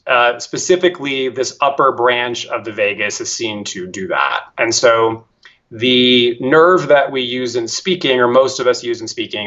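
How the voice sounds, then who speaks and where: A man answers an interviewer in a careful, teacherly way, breaking off now and then to show voice techniques aloud. His pitch sits in the middle of the male range. The recording is dull and lo-fi. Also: pushed and bright. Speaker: voice teacher and guest.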